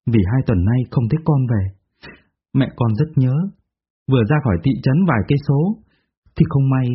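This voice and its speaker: A man voicing a middle-aged male relative who speaks gently and sorrowfully. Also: medium pitch, husky, close to an everyday voice. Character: older male uncle, calm and consoling. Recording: tinny phone-like sound.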